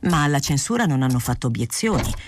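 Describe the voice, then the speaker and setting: A woman voicing an aging male journalist who is mild, polite and quietly insistent, in a literary audiobook. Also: rumbling low, very animated, fast talker, noisy background.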